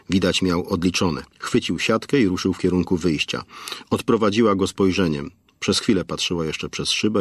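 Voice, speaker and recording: A man narrating a story in a measured, even way. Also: sits low, breathy edge, no echo, studio quality. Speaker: audiobook narrator. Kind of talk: scripted narration.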